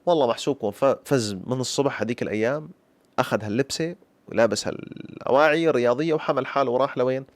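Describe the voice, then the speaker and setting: A young man with a Syrian accent tells his own story at a breakneck clip. He speaks like a traditional storyteller, turning to his listeners again and again. His voice is mid-pitched, and the sound is dry and close. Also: rapid-fire, no room sound. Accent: Syrian Arabic. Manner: lively folk-tale storytelling with repeated flourishes addressed to listeners. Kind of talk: personal story told to camera.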